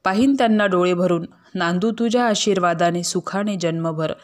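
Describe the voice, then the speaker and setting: A woman's voice: fairly low pitch, normal speed, lightly acted. A woman reading the prayer of a devout, frightened young wife in a storybook tale, fervent and imploring.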